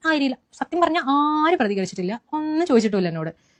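A woman's voice: high voice, no room sound. A young woman, animatedly retelling what happened to her in an eyewitness account. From Kerala, India. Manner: rapid, animated retelling with many restarts. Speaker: eyewitness recounting an incident. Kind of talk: first-person account.

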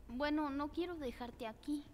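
A woman voicing a gentle, anxious young woman in a cartoon, speaking hesitantly and caringly. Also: high voice, moderate pace, big-room sound, a little hiss or hum, lightly acted. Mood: gently reassuring. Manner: hesitant, soft-hearted.

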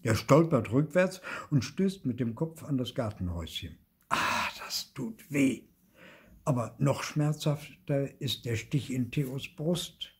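An older man reading a children's story aloud in a lively, expressive way, with a husky voice. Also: mid-range voice, measured pace, hardly any pauses. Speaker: storybook reader.

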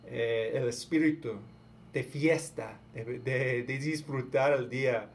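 A man from the United States giving a casual spoken sermon in a halting, preachy way, often repeating his words. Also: mid-range voice, steady tone, a little hiss or hum. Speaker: vlogger.

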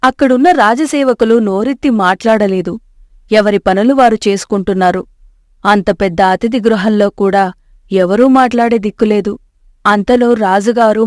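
A woman narrating a scripted storybook tale in a steady, measured way. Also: medium pitch, no room sound, clean studio sound.

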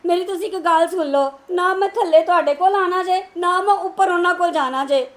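A woman's voice: very high-pitched, brisk. A woman playing a hurt married daughter in a family drama, crying and complaining. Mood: tearful. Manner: complaining, aggrieved.

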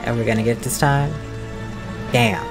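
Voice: mid-range voice, steady tone, normal speed. A gamer giving casual let's play commentary, with playful, sarcastic asides. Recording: commentary over clear game music.

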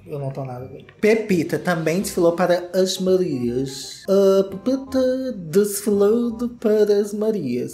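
A man's voice: sits high, dark tone, echoey room. Campy Brazilian man shrieking over catwalks. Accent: Brazilian Portuguese. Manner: campy, theatrical, bursts into shrieks and exclamations. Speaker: YouTuber host. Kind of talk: comedic fashion reaction commentary.

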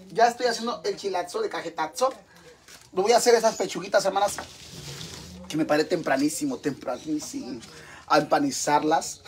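A man's voice: fairly high pitch, vocal fry, background noise. Campy Mexican man chatting while cooking. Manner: campy, teasing and crude, chatting to viewers. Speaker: live streamer. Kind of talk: live stream chat while cooking. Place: home kitchen.

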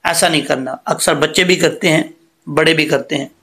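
High, gravelly-voiced man teaching recitation. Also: fairly even intonation, moderate pace, fairly bright tone. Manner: patient explainer who often checks in with "okay"; repeats and corrects points as he goes. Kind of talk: explaining tajweed pronunciation step by step.

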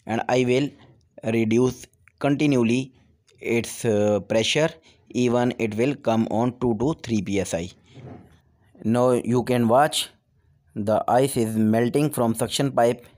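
A man's voice: medium pitch, steady tone, takes it slowly, darkish tone. Pakistani-accented man giving repair instructions. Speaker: technical tutorial host.

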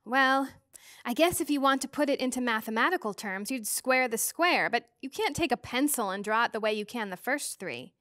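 A woman's voice: a little high, animated, normal speed, a bit bright, no room sound, clean studio sound. A woman voicing a stubborn, anxious young teenage girl who sounds frustrated and unsure.

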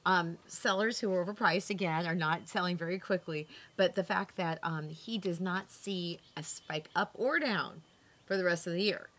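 A woman's voice: fairly low pitch, fairly bright tone. A woman hosting a casual real estate update, chatty and upbeat, often chiming in. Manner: chatty, upbeat, quick to chime in. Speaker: real estate agent and show host. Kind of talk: casual market-update chat.

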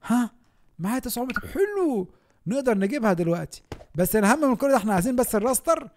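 A young gaming YouTuber with an Egyptian Arabic accent delivers excited gameplay commentary in a very high, rapid-fire voice. He shouts and laughs often.

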